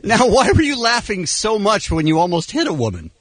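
A man's voice: high voice, wildly swooping pitch, fairly quick, a bit bright, no echo. A man hosting a casual radio show, bantering with guests.

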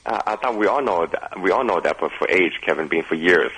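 A man chatting as a radio phone-in guest, halting and repeating his words as he goes. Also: deep voice, lively intonation, a bit bright, breathy edge, rough recording. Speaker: radio show listener and contributor. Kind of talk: casual phone-in chat. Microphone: telephone.

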